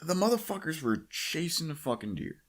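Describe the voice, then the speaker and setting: A man's voice: a little high, sing-song, a little fast. A young man hosting a podcast in casual banter. He teases, swears freely and cuts into other people's stories. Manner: teasing, profane, jumps into others' stories.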